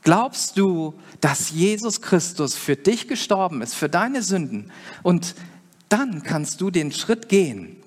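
A man's voice: sits high, very animated, slow. A man preaching a sermon, earnestly explaining and putting questions to his listeners. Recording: long hall reverb.

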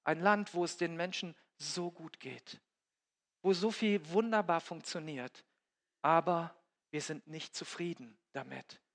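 Guy preaching, high voice, big echoey church hall, gets loud then goes real quiet. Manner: swings from loud emphatic peaks to hushed quiet passages. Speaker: pastor. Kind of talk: sermon. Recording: long hall reverb.

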